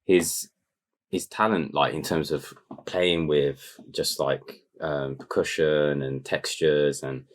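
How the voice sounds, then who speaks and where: A man's voice: a bass voice, steady tone, slow. A young man co-hosting a podcast, chatting casually in slang-heavy banter. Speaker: podcast co-host. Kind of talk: casual chat.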